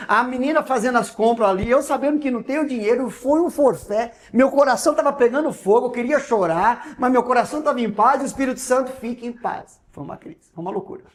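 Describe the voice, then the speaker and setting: A man with a Brazilian Portuguese accent, a pastor telling a personal testimony in an interview, acting out the dialogue and swinging between loud and hushed. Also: very high voice, quick pace, few pauses.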